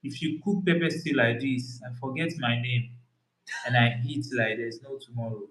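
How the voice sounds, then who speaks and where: A man from Nigeria speaks in English with a strong Yoruba accent. He tells stories in a relaxed, animated way during a couple's Q&A chat. His voice sits at a middle pitch and rings in a roomy space. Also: moderate pace. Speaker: co-host of couple channel.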